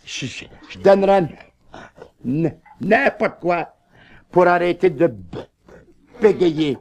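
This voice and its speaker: A man's voice: fairly high pitch, lively intonation, slow, a little mellow, pitched below the performer's own voice, heavily acted. A man voicing a grown man with a heavy stutter who keeps tripping over his syllables at the doctor's. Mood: pleading.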